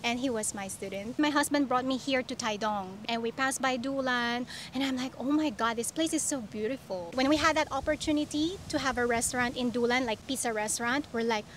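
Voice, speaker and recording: A woman from the Philippines who runs a restaurant, telling her story in a lively interview. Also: a little high, fairly quick, hardly any pauses, a little hiss or hum, poor audio. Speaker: restaurant owner. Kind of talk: casual interview.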